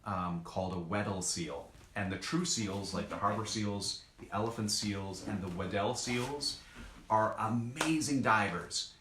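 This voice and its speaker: A man's voice: on the low side, unhurried, a bit bright. A man co-hosting a children's lesson as a zoologist, explaining things casually and simply in short pieces. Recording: echoey room, background noise.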